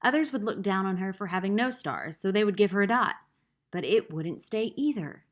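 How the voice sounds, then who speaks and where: A woman narrating a children's picture book in an expressive read-aloud style. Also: medium pitch, moderate pace. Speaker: storybook reader.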